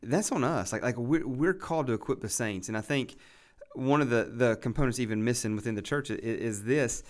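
A man's voice: mid-range voice, fairly quick. Earnest man, a pastor, repeating himself. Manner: earnest, repeats words while building points. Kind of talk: casual podcast conversation.

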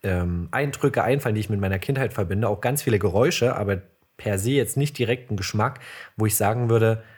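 A man's voice: lowish voice, a little fast, a little mellow, husky. A man co-hosting a podcast in casual chat, talking in an easygoing, reflective way. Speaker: podcast co-host.

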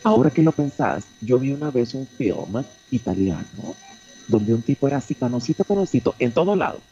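A man putting on a coquettish, brassy woman, full of pet names and playful teasing, her pitch swooping widely as she flirts. The sound is a little dull, with faint insects chirping behind. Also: very animated, fairly quick, mellow, a little hiss or hum. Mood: flirty. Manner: teasing, affectionate, calls others "mi amor". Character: flirty, sassy woman with a showy streak. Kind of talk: comic character on a radio show.

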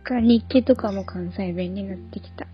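A woman's voice: medium pitch, normal speed. Young adult woman, podcast co-host; chatty, giggly, self-deprecating; light music bed, slightly muffled sound. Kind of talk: casual chat.

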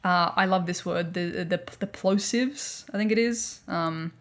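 A woman's voice: on the low side, a little slow. An Australian woman co-hosting a podcast, chatting loosely and rambling as she explains, with frequent laughs. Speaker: podcast co-host. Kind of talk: casual explanatory chat.

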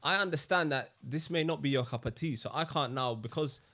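Young man, London roadman accent, street slang, casual podcast chat, mid-range pitch. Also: a little fast, bright, forceful tone. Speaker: podcast participant.

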